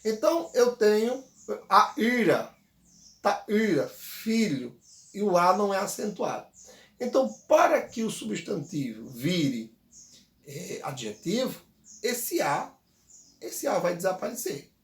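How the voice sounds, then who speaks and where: A man teaching a grammar lesson, patiently repeating words slowly so the viewer can say them back. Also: high voice, very animated, reverberant. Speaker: Tupi language teacher.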